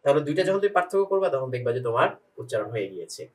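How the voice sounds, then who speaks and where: A man's voice: mid-range voice, big pitch swings, racing, recorded from a distance, low-quality recording. A man teaching Quran pronunciation one-on-one, patiently demonstrating single sounds and quizzing his student.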